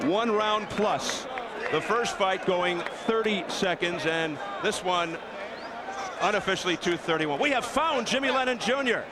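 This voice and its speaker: A man hosting a live boxing broadcast from ringside with formal, measured play-by-play phrasing. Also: sits high, lively intonation. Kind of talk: live sports commentary. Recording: loud arena crowd noise behind.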